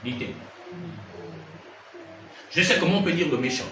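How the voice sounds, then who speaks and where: Over background music, a man from Gabon teaches a congregation, his voice on the high side and his pace moderate. He peppers the listeners with questions, lively and searching. The sound is distant, echoey and noisy.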